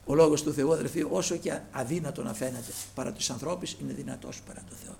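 A man preaching a sermon, emphatic and moving between loud and hushed, repeatedly addressing the brethren. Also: a little high, vocal fry.

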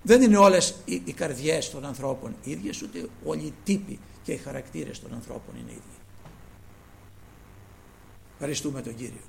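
A man preaching a sermon, addressing his listeners as brothers and moving between quiet asides and loud emphasis. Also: a little high, creaky, rough recording.

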